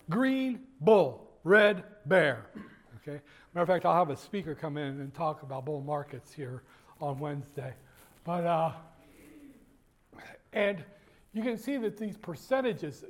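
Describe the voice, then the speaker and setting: A man giving a university finance lecture in a classroom, joking and digressing, talking straight to his students and often stopping to restart his sentences. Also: high-pitched. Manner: jokey, digressive, with many fillers and restarts; addresses students directly.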